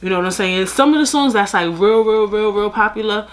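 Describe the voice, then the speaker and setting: A young American woman hosts her podcast solo, speaking fairly quickly in a mid-range voice over a rough recording. She talks casually and frankly to listeners, with plenty of fillers and asides.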